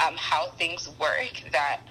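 A young woman who grew up in Ghana, a podcast guest speaking thoughtfully with frequent pauses and restarts. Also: low-pitched, steady tone, pushed and bright, slight background noise, poor audio. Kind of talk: conversational interview.

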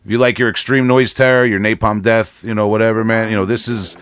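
On his casual music podcast, a man talks quickly in a fairly low, fairly bright voice, though his delivery stays flat. He rambles enthusiastically like a devoted fan while music plays behind him.

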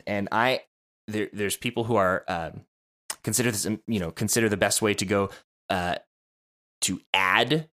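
A man's voice: on the low side, a bit bright. A man co-hosting a podcast, explaining audio production in casual chat, rambling with many restarts and self-amused asides. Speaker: podcast co-host.

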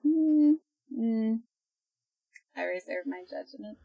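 A woman's voice: fairly high pitch, expressive, takes it slowly, creaky, slightly rough, dry recording, muffled recording. A young woman co-hosting a podcast, chatting in a casual, teasing way and laughing often. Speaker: podcast co-host.

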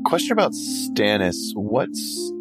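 A man's voice: lowish voice, sing-song, slow pace, loud music behind the voice. A man playing a tabletop role-playing game, casually chatting and asking questions in and out of character.

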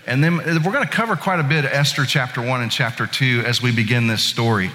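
Speaking at a quick pace, an Indiana man in his late thirties delivers a casual sermon, spinning a folksy, self-deprecating tale in the sanctuary. He's a pastor with a medium-pitched voice that's bright and forceful. The church hall adds a long reverb.

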